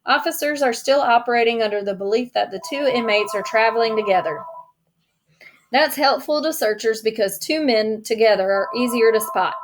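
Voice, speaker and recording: A woman reading an audiobook, voicing a news anchor who delivers a crime report in an even, measured way. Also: a little high, a little hiss or hum, close to an everyday voice.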